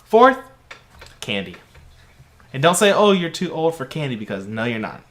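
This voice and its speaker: A man co-hosting a casual podcast, arguing his point in a playful, animated way. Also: a little high, fast talker. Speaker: podcast host. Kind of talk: casual chat among friends.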